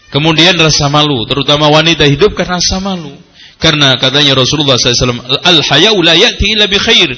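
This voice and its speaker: A man preaching an Islamic study lecture, animated and joking, jumping up high in pitch and acting out complaints. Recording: live audio of a study session.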